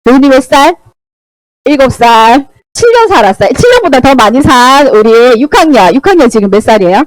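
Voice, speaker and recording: A woman teaching a children's Sunday school Bible lesson, animated and asking the children questions. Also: high-pitched, brisk, poor audio. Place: church classroom.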